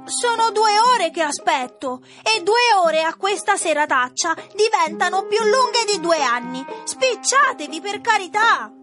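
A man's voice: very high-pitched, very animated, measured pace, hardly any pauses, over music, pitched above the performer's own voice, full character voice. A man voicing an impatient wooden puppet boy who pleads and flares up in anger, in a storybook reading. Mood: pleading.

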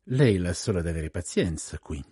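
A man doing a gentle, courteous detective. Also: deep voice, lively intonation, fairly quick, husky, no room sound, clean studio sound, exaggerated voice. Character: courteous small middle-aged male detective.

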